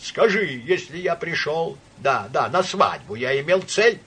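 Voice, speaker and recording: A flustered, drunk old general stammers and repeats himself, his husky voice pushed high and loud as a man reads him aloud. His pitch swoops wildly as he pleads. Audiobook storytelling. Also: expressive, a little fast, full character voice. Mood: pleading.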